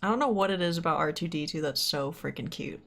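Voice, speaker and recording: A young woman hosting a movie reaction, chatting casually with giggles and excited exclamations. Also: deep voice, fast talker, creaky, faint music behind. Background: film audio.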